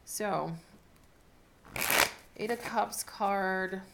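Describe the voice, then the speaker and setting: A woman giving a casual, unscripted tarot reading as host, talking in a chatty, halting way as she thinks aloud. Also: medium pitch, vocal fry. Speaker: tarot card reader hosting a video reading. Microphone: camera set up in front of the speaker. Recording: noticeable background noise with clicks.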